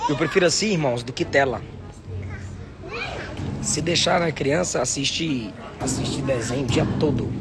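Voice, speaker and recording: A Brazilian pastor vlogging a trip in a busy airport, chatty and exasperated, often laughing. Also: male voice, medium pitch. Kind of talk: casual travel vlog to camera.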